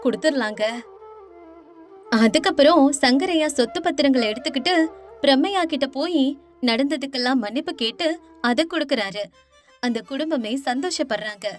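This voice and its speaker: A woman narrating a moral story in a scripted, even storytelling manner. Her voice is very high and steady. A faint music bed runs beneath her. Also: a little fast.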